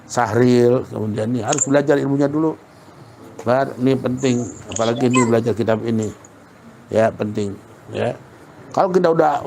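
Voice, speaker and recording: A man giving a casual religious lesson, colloquial and lively, repeating points for emphasis. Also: mid-range voice, slight background noise. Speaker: Islamic preacher.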